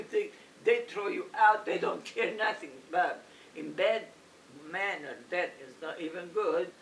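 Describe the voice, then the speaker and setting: An older woman from Italy with an Italian accent, telling family stories in casual chat, animated and halting, laughing often. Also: on the low side. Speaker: family storyteller. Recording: roomy, distant, faint noise.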